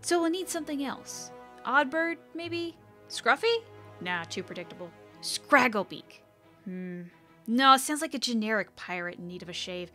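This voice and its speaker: Brief: woman playing a chatty young elf warden, jumpy lively pitch, musing aloud. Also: normal speed, faint music behind. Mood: playful.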